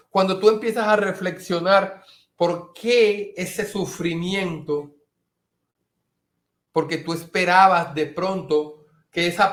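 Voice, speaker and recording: A man's voice: fairly high pitch, a bit bright. A middle-aged man preaching a sermon as a pastor, earnest, sometimes acting out his listeners' objections. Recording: echoey room.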